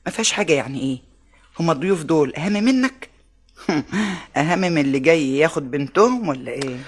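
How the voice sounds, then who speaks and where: A woman's voice: low-pitched, animated, quick pace, husky, faint music behind. A sarcastic, touchy Egyptian mother. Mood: indignant. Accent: Egyptian Arabic. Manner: sarcastic, indignant. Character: proud, touchy middle-aged mother of a suitor. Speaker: suitor's mother. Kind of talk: classic film acting.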